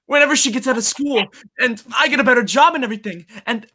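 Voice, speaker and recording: In a school play read remotely, a performer plays a protective teenage greaser older brother who speaks in a reassuring, confiding way. The voice is medium in pitch, quick, pushed and bright.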